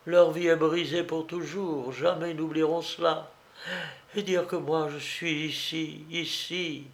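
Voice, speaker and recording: A man's voice: fairly high pitch, fairly even intonation, unhurried, pitched above the performer's own voice. A man voicing a distraught young woman who pleads and blames herself. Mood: remorseful.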